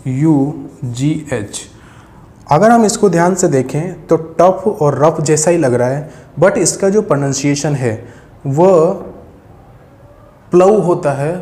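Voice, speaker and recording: This man's voice is mellow and on the high side. Standing at a board, he teaches English phonetics, repeating key sounds with patience and addressing his viewers as friends.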